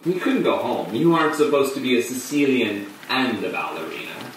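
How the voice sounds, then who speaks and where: An actor playing a flamboyant man who tells his story in a halting, breathless theatrical monologue. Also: mid-range voice, expressive, close to an everyday voice. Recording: echoey room, distant mic, faint hum.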